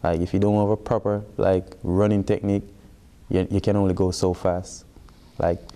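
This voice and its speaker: A man's voice: deep voice, level tone, moderate pace, warm tone. A young man in his twenties with a Jamaican accent, an athlete chatting in an interview, peppering his explanations with "like". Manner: explains with frequent "like" as filler. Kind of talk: casual interview talk.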